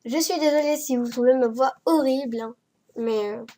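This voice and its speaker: A woman with a cold, hoarse and nasal, rambling hesitantly and self-mockingly through a casual gameplay voice-over. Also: high voice, normal speed, warm tone. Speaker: Sims building YouTuber.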